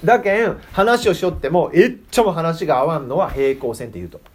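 Chatty preacher. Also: male voice, fairly high pitch, sing-song, fairly quick. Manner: chatty, asks the audience questions. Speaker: preacher teaching children. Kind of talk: casual children's sermon.

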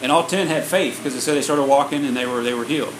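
A man's voice: medium pitch, normal speed. Man preaching in an echoey room. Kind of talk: sermon storytelling, paused for interpretation. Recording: roomy, echoey room with a faint air-conditioner hum.

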